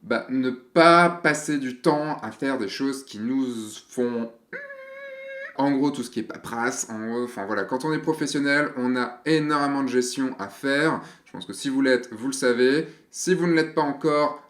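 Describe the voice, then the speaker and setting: A man in his thirties hosts a casual explainer video for fellow photographers. He talks in a chatty, rambling way, full of fillers and restarts. His mid-pitched voice rings with the echo of a bare room. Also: normal speed, fairly bright tone.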